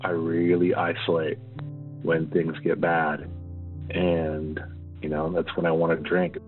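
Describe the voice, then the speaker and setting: A man with a very low voice speaks in a reflective, measured way. The sound is tinny, like a phone line, and faint music plays beneath it. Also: monotone. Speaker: caller. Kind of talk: casual voicemail.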